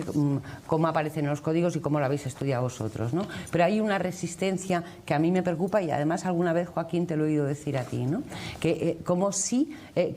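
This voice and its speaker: A woman with an Andalusian accent moderating a panel interview in a halting, emphatic way, often rephrasing herself. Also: deep voice, warm tone, slight background noise. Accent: Andalusian Spanish. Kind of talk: broadcast panel interview, conversational.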